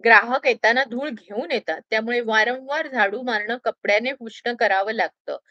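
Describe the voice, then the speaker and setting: A woman voicing a grown male shop worker who gives instructions in a gruff, caring way. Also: on the high side, moderate pace, pushed and bright, dry recording, dull audio. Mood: instructive. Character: kindly senior shop worker, grown man.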